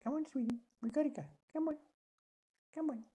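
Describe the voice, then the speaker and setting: A woman's voice: high-pitched, fairly quick, mellow. A woman in her forties, rambling casually at home and cooing to her cat in sing-song baby talk. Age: 40s. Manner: meandering, chatty, talks to herself. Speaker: vlogger. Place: home, on a swivel chair by a sofa.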